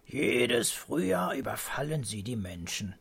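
A man's voice: medium pitch, sing-song, unhurried, gravelly, a bit bright, slightly rough, exaggerated voice. A man voicing a sleepy, teasing old grandfather in a storybook reading, mumbling and drowsy.

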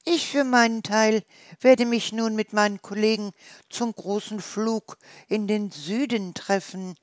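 A swallow from a storybook, voiced higher than the reader's own tone, as the narrator puts it on. It explains itself in a plain, matter-of-fact way, slowly and clearly. The sound is dry. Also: fairly even intonation, no room sound, natural voice. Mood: explaining. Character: swallow, migratory bird.

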